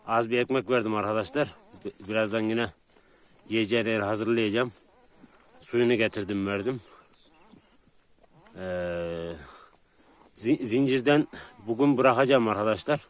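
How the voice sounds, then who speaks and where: A man's voice: on the low side, normal speed, long pauses. Chatty man vlogging outdoors. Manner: plain, chatty, keeps addressing viewers as friends. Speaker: vlogger and dog keeper. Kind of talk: casual vlog talk to viewers. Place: outdoors in the countryside with dogs.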